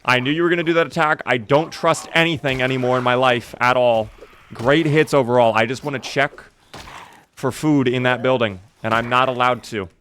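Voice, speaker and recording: A man's voice: mid-range voice, fairly even intonation, a little fast, a bit bright, a little hiss or hum. A man doing casual live commentary while playing a survival video game, chatting to viewers in a wry, mock-dramatic way.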